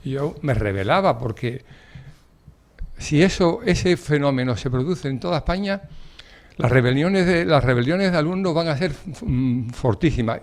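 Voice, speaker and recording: An older man, a guest in a radio debate, telling an anecdote emphatically with indignant asides. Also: a little high.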